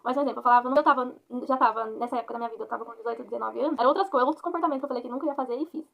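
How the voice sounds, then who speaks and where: A Brazilian woman in her twenties giving an earnest, rambling personal faith testimony on her own channel, often tagging her sentences with quick questions. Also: a little high, vocal fry, highs cut off. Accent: Brazilian Portuguese. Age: 20s. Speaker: vlogger.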